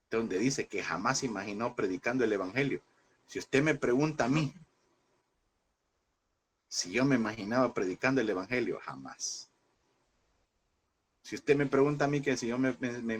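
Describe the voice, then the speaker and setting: A man's voice: lowish voice, slight background noise. A man teaching a Bible class in a preaching style, emphatic and repeating phrases, often calling listeners brother.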